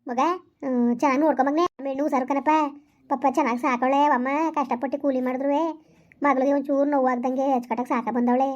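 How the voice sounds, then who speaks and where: Woman playing an elderly village woman, rural Karnataka accent, high voice, fast bossy advice, comedy skit, dull lo-fi sound. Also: little pitch movement, a little mellow, lightly acted. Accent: rural Karnataka Kannada. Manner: fast, bossy, scolding and advising. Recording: dull lo-fi recording.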